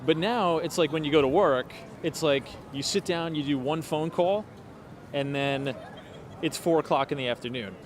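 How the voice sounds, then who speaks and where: A man's voice: on the high side, moderate pace. A man in his late twenties chatting casually to livestream viewers while walking outdoors on cold city streets at night, thinking aloud with fillers. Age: 20s. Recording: street noise behind.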